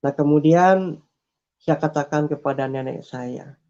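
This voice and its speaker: A man telling his personal faith testimony in an earnest way, repeating phrases and pausing with fillers. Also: fairly high pitch, mellow. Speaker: testimony speaker. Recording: dull lo-fi recording.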